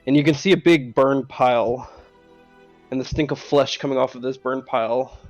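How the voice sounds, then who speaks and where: A man's voice: medium pitch, steady tone, moderate pace, no echo, soft background music. A man narrating a tabletop fantasy game as game master in a casual, loosely improvised way. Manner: casual, frequent "kind of" and "like".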